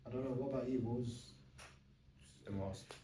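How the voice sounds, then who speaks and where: A man's voice: medium pitch, normal speed, dark tone, slight background noise. A young man hosting a casual podcast chat, talking eagerly and at length with lots of fillers. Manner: chatty, eager, explains at length with many fillers. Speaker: podcast host. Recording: roomy sound from a distant mic.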